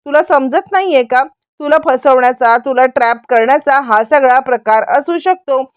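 A woman's voice: high voice, moderate pace, clean tone, dry recording, lightly acted. A woman reading as a worried young mother. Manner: anxious, scolding, earnest.

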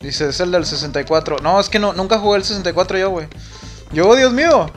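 A young man with a Mexican accent talks loosely while he streams a game. His voice sits a little high, and he rambles with plenty of swearing and "güey" in nearly every line. Faint game music plays underneath. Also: fast talker. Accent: Mexican Spanish. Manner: rambling, profane, says "güey" constantly. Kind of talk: casual chat while gaming on a live stream.

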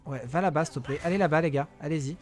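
A young man giving excitable live commentary on a mobile game, talking to his viewers and yelling at opponents. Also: on the high side, racing, soft background music. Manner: excitable, shouts during fights, talks to viewers and enemies. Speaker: gaming YouTuber.

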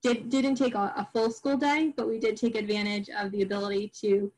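A woman's voice: medium pitch, fairly even intonation, brisk, darkish tone, poor audio. Woman, middle-aged, chatty presenter, lots of ums and restarts, from Long Island. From Long Island, New York. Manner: chatty, many fillers and restarts. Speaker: homeschool group presenter. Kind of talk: informal presentation to parents. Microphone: recorded online program.

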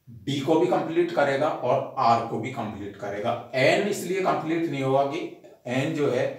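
A man with an Indian accent teaching an English spelling lesson, explaining each rule step by step and reading the English rule lines out slowly, word by word. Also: mid-range voice. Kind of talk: spoken grammar lesson. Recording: very echoey room.

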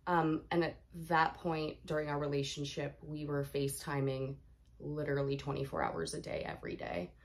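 A young woman chats through a relaxed question-and-answer session, reading out questions and laughing easily. Her voice sits low for a woman. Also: moderate pace. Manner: chatty, reads questions aloud, laughs often. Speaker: YouTuber, Q&A host. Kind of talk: casual Q&A chat.

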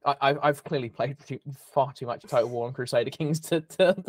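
A man co-hosting a casual history podcast, talking excitedly and tripping over his words. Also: medium pitch, normal speed, no room sound. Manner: excitable, stumbles and repeats words. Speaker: podcast co-host.

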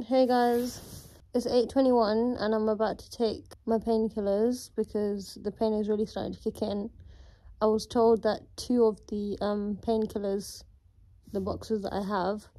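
A woman's voice: mid-range voice, level tone, unhurried, dark tone. Chatty young woman in pain. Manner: chatty, talks to viewers. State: shaky voice, in pain. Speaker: vlogger recovering from surgery. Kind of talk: casual vlog.

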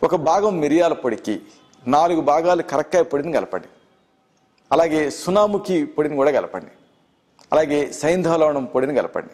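A middle-aged Telugu-accented man with a slightly raised voice, teaching health tips as a doctor. He lists remedies in a measured, steady way, repeating phrases as he goes. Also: on the high side. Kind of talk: instructional health talk.

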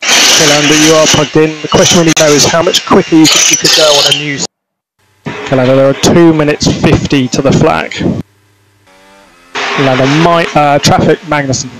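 A man's voice: on the high side, little pitch movement, a little fast. A man working as a race engineer, giving terse, procedural race spotter callouts on traffic over team radio. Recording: noisy car-to-pit radio transmission.

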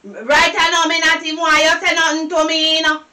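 A Jamaican actress playing a nagging, demanding girlfriend, scolding and shouting in a sing-song patois. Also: extremely high pitch, monotone, brisk. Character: nagging, demanding young woman, sharp-tongued girlfriend. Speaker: actress in a low-budget film. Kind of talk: Jamaican film acting in patois. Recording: distant mic with faint noise.

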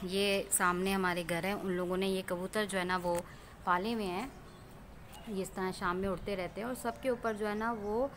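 A woman's voice: mid-range voice, fairly even intonation, normal speed, noisy background. Chatty woman vlogging from a rooftop. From Pakistan. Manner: chatty, storytelling, pointing things out to viewers. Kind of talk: casual vlog chat. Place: rooftop outdoors.

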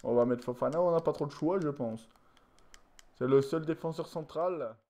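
A tired man commentating his own football video game match, swinging from low muttering to shouted goal calls. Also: moderate pace. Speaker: gaming YouTuber. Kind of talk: live gameplay commentary.

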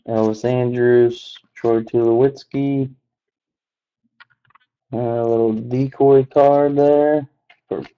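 Casting: unhurried man with a mellow, gravelly voice, lo-fi sound, listing names as he goes. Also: mid-range voice. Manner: slow, relaxed listing of names with asides. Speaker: card box breaker. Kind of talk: unscripted card-opening commentary.

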